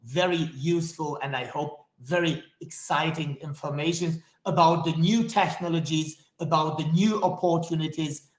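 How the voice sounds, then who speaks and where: A native Hungarian man with a Hungarian accent speaks directly and enthusiastically to his online webinar audience in a friendly manner. His voice is somewhat high, and the recording has a roomy sound.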